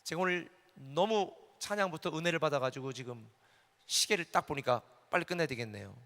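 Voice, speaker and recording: Passionate middle-aged pastor in an echoing hall. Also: male voice, fairly high pitch, lively intonation, a little fast. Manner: emotional testimony swinging from quiet confession to shouted preaching. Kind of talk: sermon. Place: large hall at a conference. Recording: echoey hall with long reverb.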